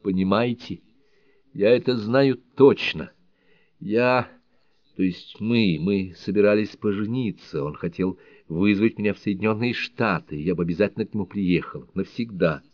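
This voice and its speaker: A man reading an audiobook, voicing a timid, quiet spinster woman who speaks in a hushed, earnest way, on a dull lo-fi recording. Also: lowish voice, moderate pace, no room sound, lightly acted. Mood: confessing.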